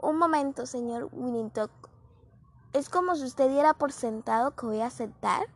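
Woman narrator doing a bold, sharp young heroine for an audiobook, husky and fairly high. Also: normal speed, no echo. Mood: challenging.

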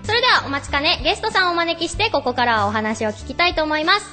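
Lively high-voiced woman radio host. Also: quick pace, soft background music. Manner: chatty storyteller, reads listener mail. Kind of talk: radio talk show chat.

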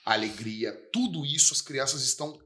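A man, a pastor chatting on a podcast, telling stories with animated repetition for emphasis. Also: medium pitch, a little fast. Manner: animated storyteller, repeats lines for emphasis. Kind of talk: casual podcast chat.

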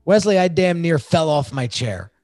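A man talking as a podcast guest, telling his own story in an animated, excitable way. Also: a little high, normal speed, dry recording, studio quality, soft background music. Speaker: podcast guest, design agency founder. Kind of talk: casual storytelling interview.

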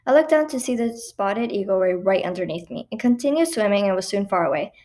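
Expressive woman reading her own story. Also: medium pitch, brisk. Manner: lively, expressive, a few stumbles. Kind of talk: reading a personal story aloud.

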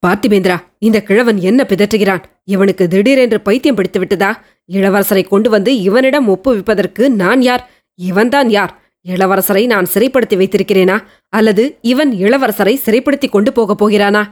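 A woman lowering her voice for a scornful proud nobleman. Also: moderate pace, darkish tone, natural voice. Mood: defiant. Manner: defiant, scornful. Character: proud scheming middle-aged nobleman, a father.

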